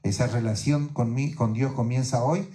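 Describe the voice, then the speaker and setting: Male pastor giving a sermon, mellow dark voice, keeps asking the room "right?". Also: medium pitch, steady tone, moderate pace. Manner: teaching tone, keeps asking "¿no es cierto?". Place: church in New York.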